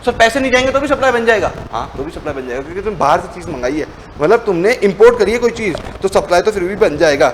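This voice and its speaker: A man's voice: high voice, very animated, rapid-fire, hardly any pauses, slight background noise, low-quality recording. A young man teaching a tax revision lecture. He explains in a chatty way and acts out both his own lines and his students' questions. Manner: playful teasing of students. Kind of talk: online exam revision lecture.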